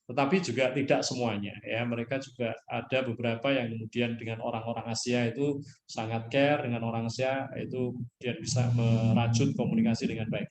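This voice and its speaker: A man's voice: medium pitch, fairly even intonation, fairly quick, a little mellow, slight background noise. A male nursing lecturer giving a university lecture, ending phrases with "ya" and slipping English terms in. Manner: frequent "ya" tag questions, mixes English terms. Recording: roomy echo.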